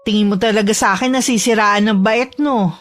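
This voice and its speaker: A woman voicing a troubled young older sister who speaks calmly and cryptically. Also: medium pitch, fairly quick, dry recording, close to an everyday voice. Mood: eerie calm. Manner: calm, cryptic and distant.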